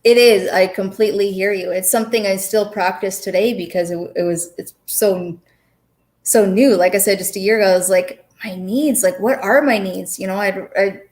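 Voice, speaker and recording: A woman's voice: medium pitch, normal speed, a little mellow. A woman in her forties, a podcast guest speaking candidly and personally, often restarting her sentences. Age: 40s. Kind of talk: casual conversation.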